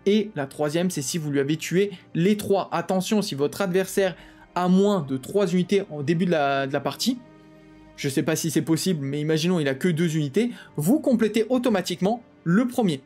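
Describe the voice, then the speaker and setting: A man hosting a tabletop game channel, explaining rules in a quick, casual way with lots of fillers and restarts. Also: high voice, a little mellow, soft background music. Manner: talks fast, with many "euh" fillers and restarts.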